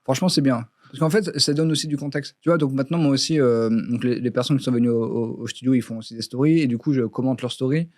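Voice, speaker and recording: A man's voice: mid-range voice, fast, hardly any pauses, a little mellow, dry recording. A man co-hosting a podcast in casual chat, talking hesitantly with many fillers and restarts. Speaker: podcast co-host. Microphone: studio podcast mic. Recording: dry close podcast studio sound.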